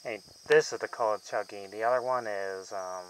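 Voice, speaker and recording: A man's voice: fairly low pitch, normal speed, a little hiss or hum, poor audio. Rambling man reviewing films casually. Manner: rambling and loosely strung, trailing off mid-thought. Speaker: movie reviewer.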